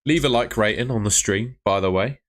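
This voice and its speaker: Streaming fantasy football from home, a young man whose voice is going fields viewer questions bluntly and chattily. He talks briskly with a fairly low pitch.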